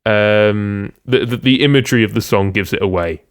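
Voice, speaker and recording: Guy rambling on a music podcast, kinda low, smooth voice, ums everywhere. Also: normal speed, dry recording, clean studio sound. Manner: rambling, many ums and restarts. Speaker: podcast co-host. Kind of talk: casual music discussion.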